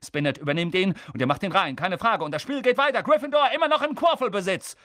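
A man voicing a cheeky young male sports commentator in an audiobook, talking in rapid, loud bursts. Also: high voice, dry recording, studio quality, pitched above the performer's own voice. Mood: excited.

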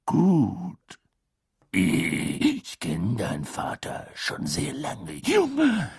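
A man voicing a gruff, scarred old male wizard teacher, growling slowly in a gravelly voice. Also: on the low side, huge pitch swings, a little mellow, no room sound, clean studio sound, exaggerated voice. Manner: growling, slow and menacing.

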